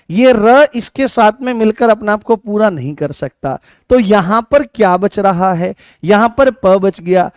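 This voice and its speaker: A man's voice: sits high, a little mellow, no echo, clean studio sound. A man with a Rajasthani Hindi accent giving an online exam-prep grammar lesson, repeating points, quizzing students and calling them "beta". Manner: repetitive, coaxing, asks students questions and calls them beta; answers viewer comments by name. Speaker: teacher.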